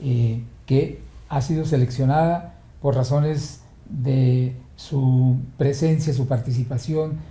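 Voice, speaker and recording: A man interviewing a guest formally, speaking slowly and often pausing to search for words. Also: medium pitch, dark tone, roomy sound, a little hiss or hum. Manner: slow, measured, searching for words.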